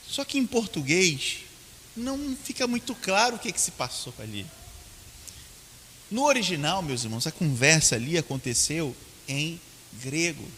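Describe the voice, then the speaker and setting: A man preaching a sermon as pastor, swinging between quiet and loud passages. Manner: preaching with big swings in pitch and loudness. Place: church hall. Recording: church hall reverb with faint hiss.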